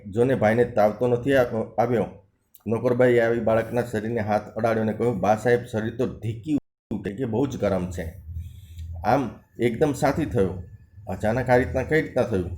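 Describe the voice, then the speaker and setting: A man's voice: mid-range voice, a little mellow. A male teacher reading a textbook story aloud, stopping after each passage to restate it and explain the harder words, and acting out the dialogue lines. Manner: reads a passage, then restates and glosses words; acts out dialogue lines in a shifted voice.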